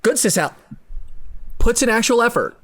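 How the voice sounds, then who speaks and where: Very animated and mid-range in voice, a young adult co-host talks at normal speed during a livestream, reading dramatically and reacting with strong opinions. The tone is blunt, emphatic, sarcastic and casually sweary, recorded on a close desk microphone with a boom arm in a small home room.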